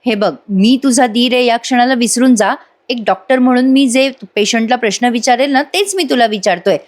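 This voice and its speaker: A woman voicing a calm young male doctor who gently questions a patient, read within a TV serial review. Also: fairly high pitch, fairly quick, pitched above the performer's own voice, close to an everyday voice. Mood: probing.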